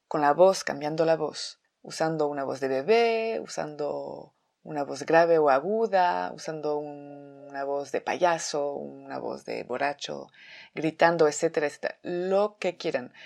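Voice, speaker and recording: A woman, a theater workshop teacher calmly explaining a drama exercise step by step. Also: sits low, creaky. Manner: calm, methodical explanation with examples.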